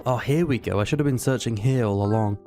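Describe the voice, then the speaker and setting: A man's voice: medium pitch, fast talker, mellow. A young man narrating his gameplay as a scripted story with wry, understated asides. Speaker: gaming video creator. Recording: voice-over with music behind. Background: game music.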